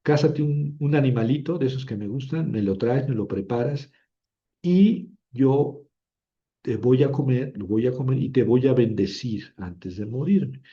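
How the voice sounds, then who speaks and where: A man's voice: mid-range voice, animated, measured pace, dark tone, lo-fi sound. A man lecturing quotes an old, nearly blind father who fondly asks his son for a favourite meal.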